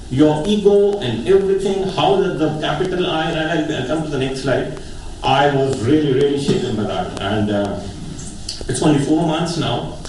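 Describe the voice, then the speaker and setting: A man's voice: fairly high pitch, darkish tone. A man with a North Indian accent gives an informal, earnest personal speech as a surgeon, emphatic and often repeating phrases. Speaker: eye surgeon giving a testimonial speech. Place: echoey hall. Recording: very echoey hall, distant mic, faint noise.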